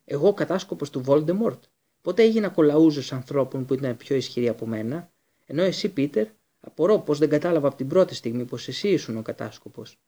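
A fierce, bitter escaped prisoner from a storybook, voiced by a male audiobook reader. He speaks with intense, accusing weight. The voice is mellow and husky, pitched a little high. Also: animated. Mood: contemptuous. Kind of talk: audiobook character reading.

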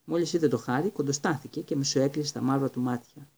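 A man reading a Greek audiobook in a steady, even storytelling manner. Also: mid-range voice, vocal fry, husky. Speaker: audiobook reader. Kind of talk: audiobook narration.

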